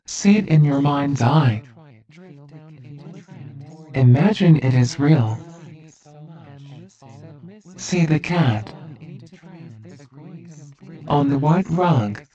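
Hypnosis guide, very slow, mellow dark tone, distant dull lo-fi recording. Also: mid-range voice. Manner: slow soothing repetitive instructions.

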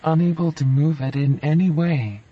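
A man guiding a listener through a hypnosis induction with slow, soothing, repetitive suggestions. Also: fairly high pitch, steady tone, lo-fi sound, slight background noise.

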